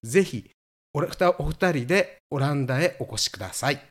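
A man's voice: a little high, brisk. A middle-aged man co-hosting a podcast, telling stories in a camp, playful way. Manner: camp, playful storytelling with animated swings. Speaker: podcast co-host. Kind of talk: casual chat.

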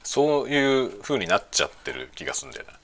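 Animated man chatting while chewing. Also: on the low side, fast talker, gravelly, slight background noise. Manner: chatting while eating bread, mouth sometimes busy chewing; musing, seeks agreement from listeners. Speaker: streamer. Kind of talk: casual rambling chat.

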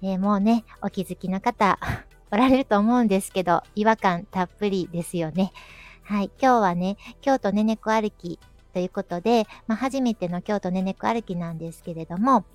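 Give the voice of a woman with a Kansai accent, pitched in the middle range. She hosts a podcast in a casual yet polite way, blending regional speech with more standard intonation. Music plays along with her voice. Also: moderate pace, a little mellow, no room sound. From Kyoto, Japan. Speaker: host of a travel podcast. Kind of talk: casual but polite solo podcast talk.

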